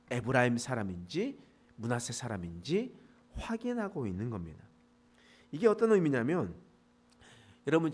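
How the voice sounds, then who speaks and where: A man from the Gyeongsang region preaching a morning prayer sermon as pastor, telling the story with animated swings and then slowing into earnest prayer. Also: medium pitch. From Gyeongsang region, Korea. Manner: animated storytelling, retells scenes with lively vocal swings; slows and softens into earnest exhortation and prayer.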